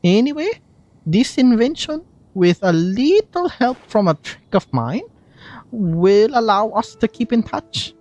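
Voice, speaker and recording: A breezy young bard with a Scottish lilt, teasing and theatrical, as a man puts him on. He talks slowly and lets his lines rise and fall. It is a playful fan take on game dialogue. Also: sits high, sing-song, a little mellow, lo-fi sound, pitched above the performer's own voice. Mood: reassuring. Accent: put-on Scottish. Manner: theatrical, playful, sing-song.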